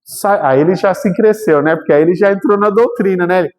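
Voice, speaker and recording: A man with a Brazilian Portuguese accent, a guest speaker telling a story in a spiritual talk. He tells it in a lively way, acts out the quotes and keeps checking in with the listeners. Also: sits high, fast. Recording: long hall reverb.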